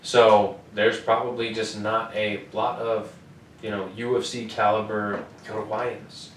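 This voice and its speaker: A young American man co-hosts a casual sports podcast, joking constantly and swearing freely. He speaks at a measured pace in a lowish voice with little pitch movement. The mic sounds distant and roomy, with faint noise.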